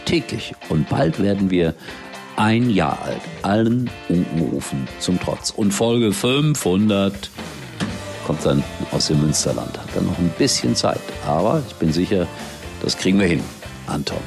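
A male podcast host wraps up the show in a chatty, joking manner. His low, gravelly voice swings widely in pitch, with quiet guitar music playing behind him. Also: lively intonation, measured pace. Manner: chatty, jokey. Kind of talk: casual podcast outro.

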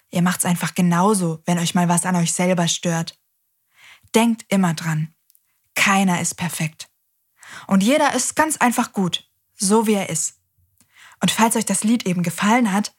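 A woman's voice: mid-range voice, husky. A woman hosting a children's show who talks to the kids directly in a cheerful, reassuring way.

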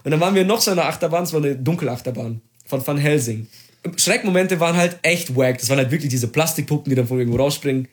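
A young man in casual chat, telling a story with excitement, slang and swearing. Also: a little high, fast.

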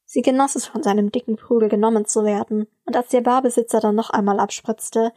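Eine Frau liest als Erzählerin eines Podcasts eine erotische Geschichte vor, gleichmäßig und gemessen. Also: female voice, on the high side, steady tone, brisk, warm tone, no echo. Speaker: storyteller. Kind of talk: scripted erotic story narration.

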